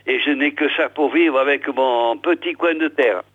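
A man voicing a poor, simple-minded village man who talks through his nose, high and pleading. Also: normal speed, slightly rough, close to an everyday voice. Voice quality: nasal. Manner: high plaintive calling. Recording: tinny phone-like old recording.

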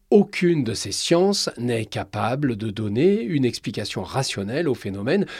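A man's voice: medium pitch, darkish tone, breathy edge, no room sound, studio quality. A man doing a formal news presenter. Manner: measured, formal.

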